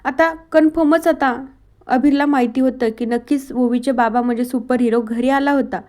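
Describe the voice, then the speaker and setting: A woman's voice: high-pitched, fairly even intonation, normal speed, darkish tone. A woman retelling a TV serial episode, reading each character's lines in her own voice. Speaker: TV serial recap narrator. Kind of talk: episode recap storytelling.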